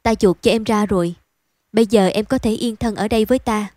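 A woman reading a story aloud, voicing a gentle young male writer who reassures a frightened girl. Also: medium pitch, steady tone, fairly quick, no room sound, natural voice. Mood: reassuring.

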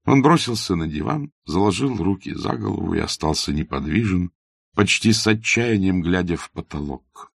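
A man narrating a classic novel as an audiobook in a measured, even reading. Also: low voice, creaky, husky, dry recording, clean studio sound. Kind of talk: scripted literary narration.

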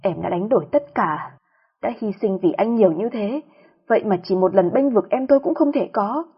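A bitter young mistress, voiced by a woman who hurls accusations loudly and fast. Her voice is breathy and husky, as in a read-aloud family drama. The sound is muffled and lo-fi. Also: mid-range voice, animated. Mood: accusing.

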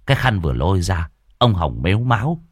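A man narrating a ghost story in a dramatic, expressive way. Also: low voice, a little fast, no echo, studio quality. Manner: dramatic, expressive storytelling with coarse folk curses.

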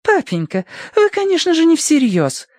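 A gushing, girlish young lady, as a male audiobook reader puts her on, cooing and breathless, sometimes sliding into lisping baby talk. Her voice leaps very high above the reader's own, with a lively, swooping melody and a dry, close sound. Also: normal speed, dry recording, heavily acted. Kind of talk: audiobook character voice.

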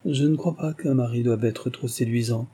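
A gushing old society marquise chatters in a lifted, fluttery voice, as a man reads her in a storybook. The tone is dark and a little husky underneath. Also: mid-range voice, moderate pace. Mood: musing. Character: fussy elderly society marquise.

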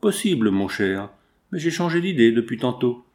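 A man voicing a sharp-tongued young redheaded chorus girl, snapping back with dismissive retorts. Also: mid-range voice, sing-song, normal speed, natural voice. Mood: snappish.

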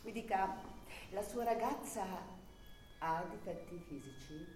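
Actress as Leni, capricious seductive nurse, swooping voice. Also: female voice, medium pitch, expressive, darkish tone, close to an everyday voice. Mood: teasing, seductive. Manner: coy, commanding, drawn-out teasing delivery with abrupt outbursts. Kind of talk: theatrical radio drama acting. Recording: echoey stage-like room, faint noise.

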